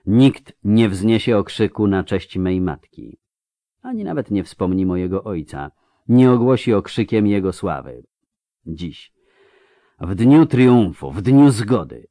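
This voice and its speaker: A man voicing the inner thoughts of a resentful thirteen-year-old prince, quiet and brooding. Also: sits low, no room sound, studio quality.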